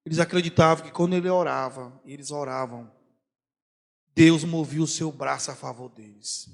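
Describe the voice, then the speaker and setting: High-voiced pastor in an echoing hall. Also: male voice, moderate pace, gravelly. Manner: animated, acts out prayers in comic voices. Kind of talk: sermon. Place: church hall. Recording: long church hall reverb.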